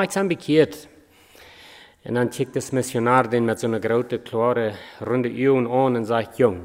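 Guy preaching a sermon, halting and earnest, lots of restarts, echoey church hall. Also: medium pitch. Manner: earnest, halting delivery with many fillers and restarts. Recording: reverberant hall.

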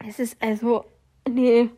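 Lively young woman telling gossip. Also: fairly high pitch. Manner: animated storytelling, quick bursts, often laughing. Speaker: podcast co-host. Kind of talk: casual chat.

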